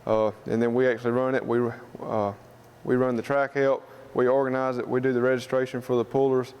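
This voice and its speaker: A man's voice: medium pitch, little pitch movement, a little fast, darkish tone, smooth. A man with a Southern US accent giving an informal interview, explaining things in a plain-spoken, folksy way. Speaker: student club president being interviewed.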